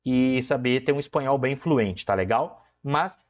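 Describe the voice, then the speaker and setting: Lively man teaching. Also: mid-range voice, a little slow. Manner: explains step by step, constantly checks in with the viewer. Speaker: Spanish teacher. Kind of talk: exam-prep lesson. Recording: dull lo-fi sound.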